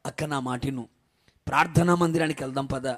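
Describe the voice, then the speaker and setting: A man's voice: mid-range voice, brisk, voice pushed down, close to an everyday voice. A man preacher putting on a devout woman who earnestly pleads with her sister to come and pray. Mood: pleading.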